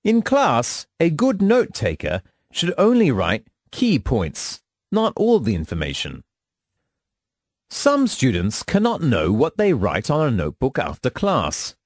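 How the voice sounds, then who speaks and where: A man delivering a scripted instructional monologue in a measured, formal teaching manner. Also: medium pitch, huge pitch swings, no echo, studio quality. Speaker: lecturer.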